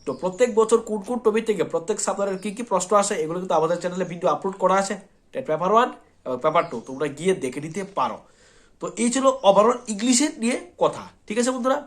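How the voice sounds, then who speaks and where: A man's voice: high voice, animated, very fast. A man teaching an exam-prep lesson, repeating points and often checking in with his students. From Tripura, India. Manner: repetitive, reassuring, checks in often with "thik ache".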